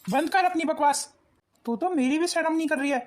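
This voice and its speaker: A woman voicing a hot-tempered, abusive young husband in an animated cartoon, harsh and bullying. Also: high voice, fairly quick, close to an everyday voice. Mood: angry.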